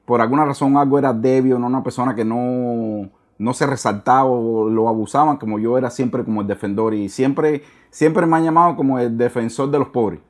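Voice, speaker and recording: A middle-aged man from Cuba with a Cuban Spanish accent, a guest in a casual interview, talking earnestly and often pausing to search for words. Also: mid-range voice.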